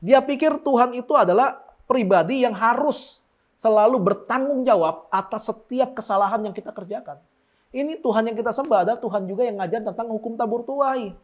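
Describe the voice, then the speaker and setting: Male preacher, high voice, jokey and slangy, mimics other people's prayers. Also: brisk. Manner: joking, slangy, mimics lazy and bossy prayers. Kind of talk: casual sermon with mock impressions.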